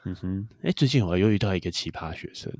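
A man's voice: low voice, expressive, fast talker, darkish tone, no echo, clean studio sound. A young man, chatting casually as a podcast co-host and telling stories. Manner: chatty storyteller. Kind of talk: casual chat.

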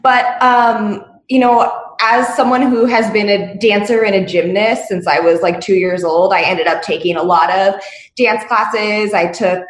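A woman's voice: mid-range voice, fairly even intonation, measured pace, echoey room. A woman from Las Vegas, a dancer, talking hesitantly with many fillers in a casual interview over a video call from home. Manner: hesitant, many ums and likes. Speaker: dancer guest.

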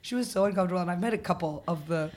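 A woman comedian chatting as a podcast guest, telling lively stories and acting out the voices of people she quotes. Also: fairly low pitch, rapid-fire, a little hiss or hum. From Indian heritage. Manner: animated storyteller who acts out quoted voices. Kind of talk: casual podcast chat.

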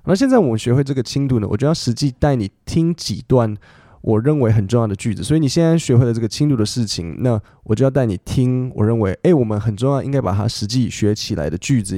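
A man teaches English pronunciation in a casual, animated way. His voice is mellow and dark, recorded dry and close. He swings up high when acting out English examples. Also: dry recording. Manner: animated, switches between Mandarin and English examples. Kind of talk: casual language lesson.

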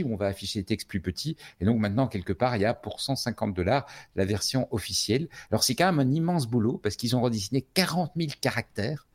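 A man's voice: lowish voice, a little mellow, breathy edge. Chatty man explaining at length. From Switzerland. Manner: explanatory, many fillers and restarts. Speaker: podcast co-host. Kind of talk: casual tech podcast chat.

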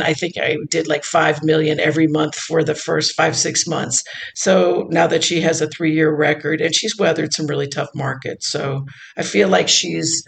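Gravelly-voiced woman investor. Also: deep voice, poor audio. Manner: measured, deliberate explanation. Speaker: investor, former endowment CIO. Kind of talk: interview conversation.

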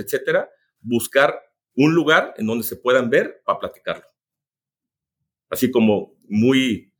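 Hombre mexicano contando anécdotas. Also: male voice, mid-range voice, husky. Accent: Mexican Spanish. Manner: anecdotal, many restarts and asides. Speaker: business executive guest. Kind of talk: casual storytelling interview.

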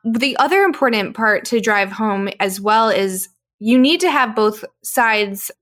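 A woman hosts a casual interview conversation. She lays out her points in a measured way and often ends them with a quick tag question. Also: fairly high pitch, expressive, a bit bright. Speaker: host.

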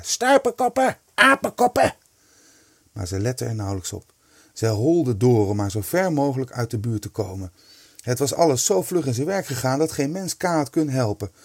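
A man narrating a storybook in a lively, expressive reading. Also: medium pitch, no echo, studio quality.

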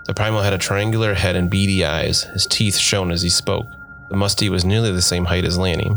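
A man narrating a fantasy audiobook in a steady storytelling voice. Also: sits low, a little fast, vocal fry, faint music behind.

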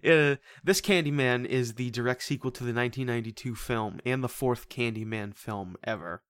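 A man hosting a casual movie podcast, joking around with goofy, animated bursts. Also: mid-range voice, moderate pace, clear, resonant tone, no echo, studio quality. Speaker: podcast host.

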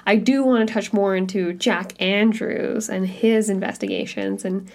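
A woman's voice: mid-range voice, animated, moderate pace, a little mellow. A woman co-hosting a podcast in casual chat, skeptical and giggly, with lots of "like" fillers. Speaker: podcast co-host.

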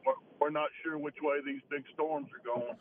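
Southern radio caller on a tinny phone line. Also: male voice, on the high side, steady tone, moderate pace. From Arkansas. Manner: folksy, joking. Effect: phone call into a radio show.

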